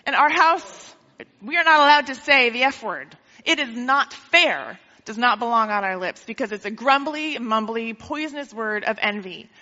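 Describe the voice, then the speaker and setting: In a church sanctuary, a woman with a fairly high, bright voice delivers a sermon at normal speed in a forceful tone, joking with and teasing the congregation and laughing often. The lo-fi hall recording carries a long reverb.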